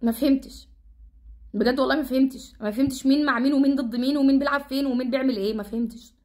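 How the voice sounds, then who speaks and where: A woman's voice: high voice, darkish tone. A woman with an Egyptian Arabic accent giving exasperated, repetitive football commentary in a casual rant. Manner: exasperated, repetitive, rapid-fire ranting.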